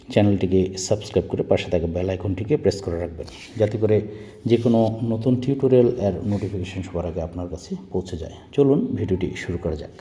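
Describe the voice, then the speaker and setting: A man's voice: sits low, dark tone, long reverb tail. A man teaching spoken phrases step by step, patiently repeating each phrase and explaining word meanings. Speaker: language teacher. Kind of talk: spoken language tutorial.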